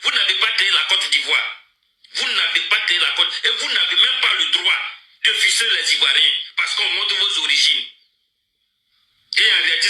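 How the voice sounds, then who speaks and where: Fast, bright-voiced man in a scolding rant. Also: high voice, roomy sound, low-quality recording. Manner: heated, scolding, rhetorical questions. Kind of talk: angry political speech.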